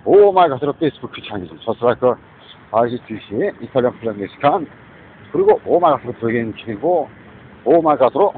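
Rambling man on a tinny line. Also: medium pitch. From South Korea. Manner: disjointed, repetitive ranting. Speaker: vlogger. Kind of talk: rambling spoken monologue. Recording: tinny phone-like recording with faint noise.

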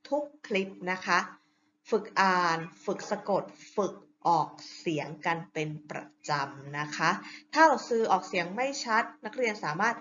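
A woman teaching a Chinese lesson in a chatty, polite style with many fillers and soft sentence endings. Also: medium pitch, lively intonation, normal speed. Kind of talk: online lesson explanation. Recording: slightly dull audio, faint hiss.

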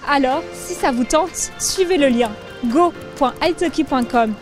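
A young woman presenting with a clear, lively teaching delivery, recorded outdoors on a handheld mic. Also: high voice, a little slow, music in the background. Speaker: host. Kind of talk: scripted presenting and role-play.

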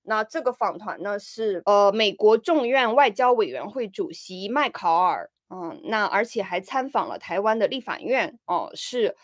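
A woman giving casual political commentary, animated, with frequent fillers and pointed rhetorical questions. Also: mid-range voice, moderate pace, few pauses, no echo, clean studio sound.

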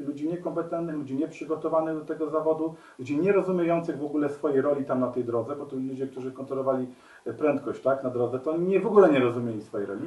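A man speaking straight to his viewers, earnest and appealing, often pausing on fillers and restarts. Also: a little high, a little mellow, roomy sound, recorded from a distance, poor audio. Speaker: commentator. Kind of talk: spoken video commentary.

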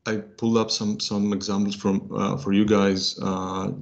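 A man giving a technical workshop presentation, halting and full of fillers and restarts. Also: fairly low pitch, level tone, gravelly, muffled recording. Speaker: workshop speaker. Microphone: video call.

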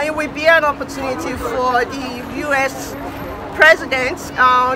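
A middle-aged woman hosts an unscripted news segment, her voice pitched high. She talks haltingly, filling gaps with "uh." Park crowds and passing cars are clearly heard around her. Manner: hesitant, many fillers. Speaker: news host and interviewer. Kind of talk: unscripted news wrap and interview. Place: outdoors in a busy city park. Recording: outdoor park with crowd and traffic noise.

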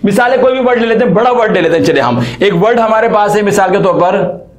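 Guy w/ explaining english grammar, chatty and folksy, higher voice, echoey room. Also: fast talker. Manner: chatty, folksy, asks rhetorical questions. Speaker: English teacher. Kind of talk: casual explanatory lesson.

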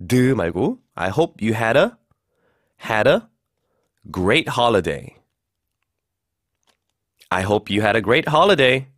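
A man teaching English on air, explaining pronunciation and modelling slow English phrases. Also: fairly low pitch, dry recording, clean studio sound. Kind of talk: radio English lesson.

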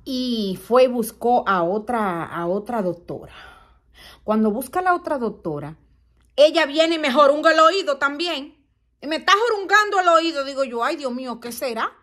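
Vlogger, young woman, high voice, dramatic storyteller. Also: lively intonation, moderate pace, a bit bright. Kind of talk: casual storytelling to viewers.

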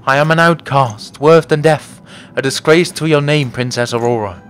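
A man reading the lines of a shamed, despairing male warrior outcast in a video game, loud and dramatic. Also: fairly high pitch, normal speed, faint music behind, natural voice.

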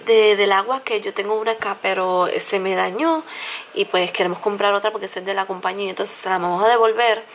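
A woman's voice: medium pitch, fairly bright tone. A woman in her thirties chatting casually to viewers as a family vlogger, holding the camera at arm's length at home. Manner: chatty, talks to viewers as friends. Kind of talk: casual family vlog chat. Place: home and outdoor café. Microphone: handheld camera at arm's length. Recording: noisy home recording.

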